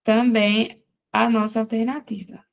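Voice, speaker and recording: Slow, measured woman teaching grammar. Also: on the high side, little pitch movement, creaky. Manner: explains step by step with quick rhetorical questions. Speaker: Portuguese teacher. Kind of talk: exam-prep grammar lesson.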